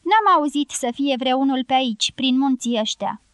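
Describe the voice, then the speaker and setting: A woman voicing a sullen, proud middle-aged man who talks hoarse and slurred from drink. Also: sits high, lively intonation, dry recording. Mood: drunken.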